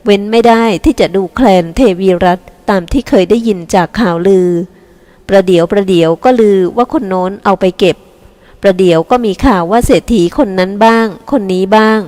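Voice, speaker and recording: A woman reading a novel aloud in a calm, steady storytelling voice. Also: mid-range voice, a little fast, in a large hall. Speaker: audiobook reader. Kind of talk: scripted narration.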